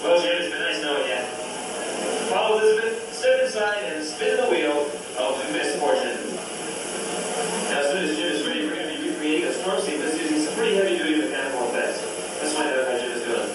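Man's quick, echoey voice on old VHS tape. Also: high-pitched, far from the mic, very noisy. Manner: upbeat, joking with volunteer and audience. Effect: old VHS home-video tape recording. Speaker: studio tour show host. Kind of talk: live theme-park show presentation. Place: outdoor water-tank stage on a studio backlot.

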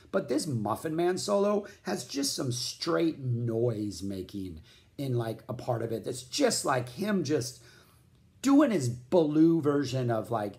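A man giving a casual spoken album review, rambling and enthusiastic, with lots of "like" fillers, scatting riffs aloud and mentioning he feels hot. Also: medium pitch. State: feeling hot. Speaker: music vlogger reviewing albums.

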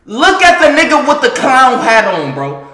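A man's voice: extremely high pitch, wildly swooping pitch, moderate pace, reverberant, noisy background. A young man chatting casually on a livestream in slang, incredulous and repeating his phrases. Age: young adult. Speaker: game streamer. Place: indoor streaming room at a gaming chair.

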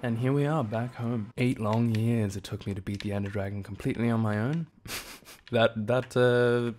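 A man's voice: mid-range voice, fairly even intonation, moderate pace, a little mellow, slight background noise. A man giving casual gameplay commentary, loose and chatty, drifting into reflective remarks. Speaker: gaming channel host.

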